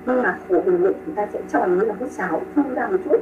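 A woman teaching pronunciation online over a video call. She models sounds slowly, repeats them and praises her students. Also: medium pitch, expressive, far from the mic, slight background noise. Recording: tinny call audio with music behind.

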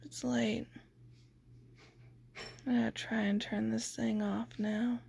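A woman with a hoarse, scratchy throat talking in a tired, mostly whispered voice in a casual video diary. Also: fairly high pitch, little pitch movement, slow, darkish tone. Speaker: vlogger recovering from surgery.

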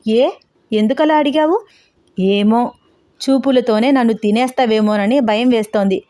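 A woman voicing a quick-tempered young man who scolds his fiancée in exasperation. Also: on the high side, dark tone, no echo, clean studio sound, close to an everyday voice. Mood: annoyed.

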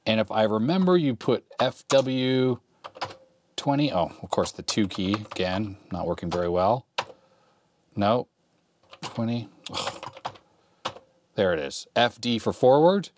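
In a lowish voice with a little hiss or hum, a man in his forties speaks a little slowly and pauses often while testing an old computer. This retro computer repair YouTuber, filmed up close in his cluttered workshop, thinks aloud in a relaxed way as he types, keyboard clicks in the background of his casual hands-on demo.

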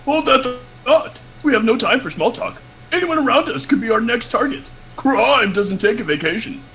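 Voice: medium pitch, expressive, moderate pace, a bit bright, husky. A reader voicing an earnest, naive young man rookie bounty hunter who is goofy and overeager, in an amateur comic read-through.

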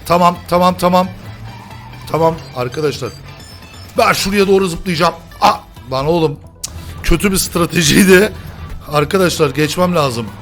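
High-voiced young man yelling through a game. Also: moderate pace, pauses often, music in the background. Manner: frantic, chanting words over and over, yelling at the game. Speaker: gaming YouTuber. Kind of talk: excited let's-play commentary.

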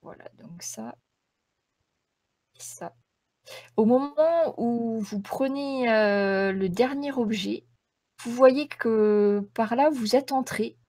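A woman runs a tabletop role-playing game as game master, describing scenes like a storyteller. Her voice sits fairly high and the sound is close and dry. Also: slow pace, pauses often, mellow, dry recording.

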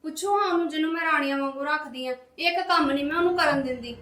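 A woman's voice: high-pitched, very fast, bright, forceful tone, reverberant. A woman playing a bossy young wife in a family drama, defensive toward her mother and sneering at her sister-in-law.

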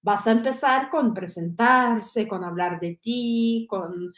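A woman teaching French in an online lesson, drilling phrases slowly and carefully. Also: on the high side, roomy sound.

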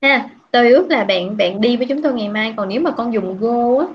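A woman's voice: on the high side, breathy edge. A woman English teacher from Vietnam, patiently questioning students in an online class over a video call. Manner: patient, questioning, drawn-out prompts. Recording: dull lo-fi online class audio.

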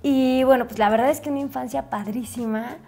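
Mexican actress guest, young adult, higher voice, lively casual chat. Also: female voice, brisk, a little hiss or hum.

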